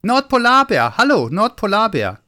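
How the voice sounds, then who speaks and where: Little excited Santa as put on by a male narrator, high breathless voice, storybook reading. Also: fairly quick. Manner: eager, breathless and stammering. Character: small excitable young male Santa elf.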